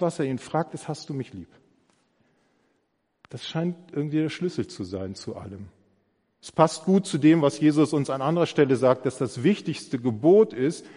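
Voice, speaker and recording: A man's voice: medium pitch, mellow. Man preaching in a reverberant hall. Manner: earnest, reflective, voices imagined dialogue with emphasis. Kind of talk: sermon.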